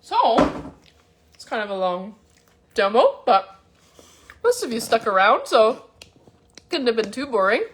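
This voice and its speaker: A woman's voice: on the high side, big pitch swings, unhurried, long pauses, a little hiss or hum. A chatty woman hosting a casual live cooking demo from her home kitchen, talking to viewers and selling cookware. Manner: chatty, bubbly, talks to viewers. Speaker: cooking demo host and sales consultant.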